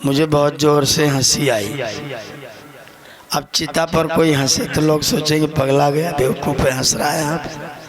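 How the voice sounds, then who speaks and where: Slow, higher-pitched male preacher. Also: little pitch movement, over music. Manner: slow storytelling, rhetorical questions, chanted verses. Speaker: Arya Samaj preacher. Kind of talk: Hindi sermon with anecdotes.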